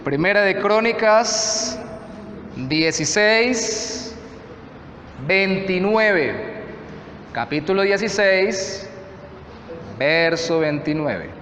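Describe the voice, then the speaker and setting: A man with a Colombian Spanish accent, a pastor preaching a sermon, reading scripture slowly and deliberately. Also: sits high, lively intonation, fairly bright tone, a little hiss or hum. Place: church hall. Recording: echoey church hall, faint ambience.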